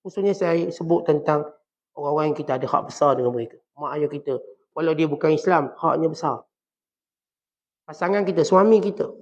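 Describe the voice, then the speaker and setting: A man with a Malaysian Malay accent preaching to a congregation, often acting out the quoted speakers in soft and in harsh voices. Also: fairly high pitch, brisk. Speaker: religious teacher. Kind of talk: sermon. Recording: dull lo-fi recording.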